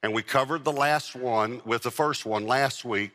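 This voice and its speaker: A male pastor delivers a sermon in a forceful, bright voice, stretching and repeating the words he wants to land. His voice rings out with a long hall reverb, and now and then he turns to the congregation to check that they follow. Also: mid-range voice, moderate pace. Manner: addresses a live congregation. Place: church with a congregation.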